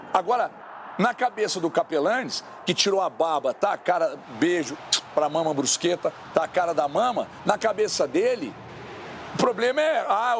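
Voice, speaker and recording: A man's voice: sits high, a little hiss or hum. A man debating on a sports talk show, emphatic and repeating his points. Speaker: sports pundit. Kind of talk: heated studio debate. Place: television studio.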